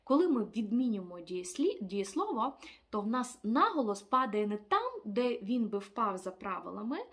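A woman's voice: medium pitch, sing-song, a bit bright. Woman teaching a language lesson. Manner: explanatory, with frequent filler pauses.

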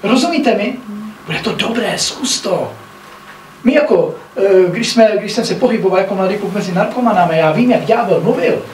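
A man's voice: sits high, lively intonation, hardly any pauses, darkish tone, slight background noise. A man preaching a sermon, earnest and often checking that his listeners follow him. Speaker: pastor. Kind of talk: sermon with scripture reading. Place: church hall. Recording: echoey room, mic at a distance.

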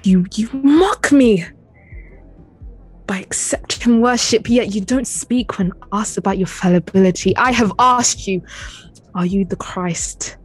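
A woman playing a proud, menacing king who taunts a prisoner in a slow, deliberate, imperious way in an audio play. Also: medium pitch, faint music behind, close to an everyday voice. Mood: indignant. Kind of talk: dramatic audio play acting.

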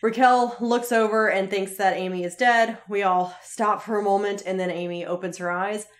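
A woman's voice: medium pitch, moderate pace. Chatty woman podcaster, laughing often. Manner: animated, laughs often, lively retelling. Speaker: podcast co-host. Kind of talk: casual chat recapping a TV episode.

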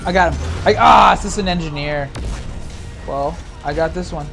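Excitable man commentating gameplay. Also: on the high side, moderate pace, gravelly, faint music behind. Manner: excitable, shouts and swears at enemies.

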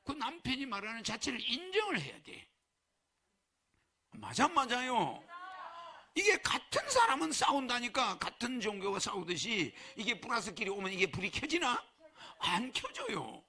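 Gravelly, lively preacher man. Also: very high-pitched, normal speed. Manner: folksy, chuckling, rhetorical questions to the audience. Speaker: religious leader addressing followers. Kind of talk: sermon.

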